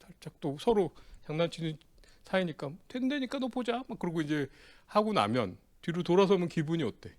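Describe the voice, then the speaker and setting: Chatty Korean lecturer with lively pitch. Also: male voice, fairly quick. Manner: chatty, keeps asking the class "응?", acts out friends' banter. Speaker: exam prep lecturer. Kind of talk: casual lecture with personal anecdote.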